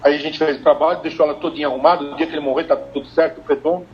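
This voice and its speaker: An older Brazilian man, a family business consultant, telling lively stories in a live-streamed interview and acting out the dialogue. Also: on the high side, racing, faint music behind. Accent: Brazilian Portuguese. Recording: dull lo-fi stream, faint noise.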